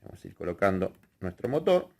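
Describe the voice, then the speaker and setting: A man who instructs at an electrical workshop teaches a hands-on wiring lesson, explaining step by step and often checking in with viewers with "¿sí?" and "fíjense." His deep voice is very animated, fairly quick, a little mellow, with some vocal fry.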